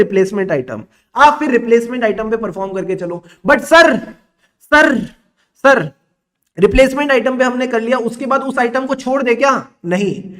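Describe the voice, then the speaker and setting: High-voiced playful Indian male teacher. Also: fairly bright tone. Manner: playful, teasing, dramatizes concepts as characters. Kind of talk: exam revision lecture.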